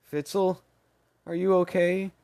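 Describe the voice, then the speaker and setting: A man's voice: fairly high pitch, steady tone, measured pace, darkish tone, voice pushed up. A man reading an audiobook, voicing an anxious, tearful young woman who pleads urgently. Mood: frantic.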